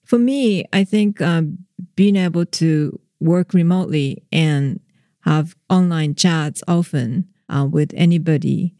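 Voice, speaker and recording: A reporter guest on a news podcast, explaining the facts in a measured way with small hesitations. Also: mid-range voice, dark tone, no room sound, studio quality.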